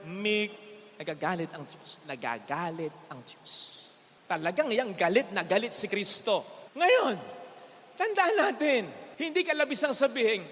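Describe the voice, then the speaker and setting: A male priest in his forties from the Philippines giving a homily at Mass, mixing Tagalog and English and telling stories, sometimes emphatic and sometimes hushed. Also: very high voice. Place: church. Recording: church reverb with faint music.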